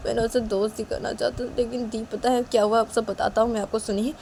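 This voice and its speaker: A woman voicing a shy, lovestruck young man who talks softly and pleads with his older sister. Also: on the high side, flat delivery, quick pace, gravelly, slight background noise, voice pushed up. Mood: dreamy.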